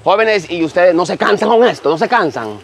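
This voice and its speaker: A man, presenting a children's show outdoors in an animated, enthusiastic way and interviewing. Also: sits high, brisk, gravelly, slight background noise. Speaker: host of a children's educational show. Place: outdoors on a rural hacienda.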